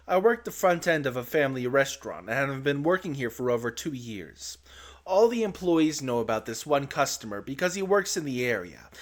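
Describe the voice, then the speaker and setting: A man hosting and narrating online forum stories aloud in an expressive storytelling manner. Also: medium pitch. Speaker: host reading online stories.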